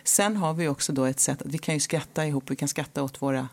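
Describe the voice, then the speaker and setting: A woman, a guest in a casual interview, telling stories in an animated way and acting out quotes. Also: low-pitched. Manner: animated storyteller, acts out quotes.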